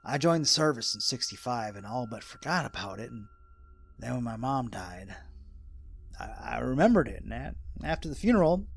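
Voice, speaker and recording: An older man acts the part of a rambling, folksy American hermit in a radio drama, his mid-range voice gravelly and raspy. He sounds earnest yet excitable and rustic, speaking at a normal speed.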